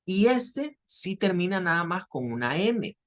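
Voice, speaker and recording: A man's voice: high voice, sing-song, measured pace, fairly bright tone. A man, teaching an English class, explaining patiently with repetitions and fillers. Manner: patient, repeats words and fillers while explaining.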